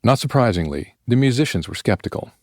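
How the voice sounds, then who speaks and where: A man narrating a podcast story in a measured, scripted storyteller's delivery. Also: medium pitch, lively intonation, darkish tone, no room sound, clean studio sound.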